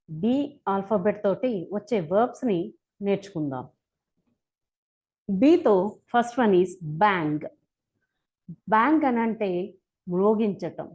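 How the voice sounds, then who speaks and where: Telugu accent woman teaching english verbs, reads out each form real slow, mellow voice. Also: medium pitch, lo-fi sound. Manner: spells out verb forms one by one, slow and deliberate. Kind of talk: slow spoken-English lesson.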